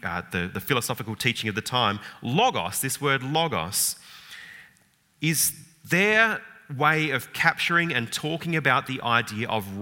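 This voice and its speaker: Long hall reverb colors the recording of this Bible teacher's informal, thoughtful talk. His voice is medium-pitched, pushed and bright, and he frequently uses fillers, restarts and rhetorical questions.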